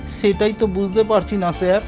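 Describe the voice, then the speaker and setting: A man's voice: sits high, little pitch movement, fairly quick, dark tone, faint music behind, voice pushed up, close to an everyday voice. A man voicing a timid, newly dead male ghost who whines and pleads tearfully. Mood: pleading.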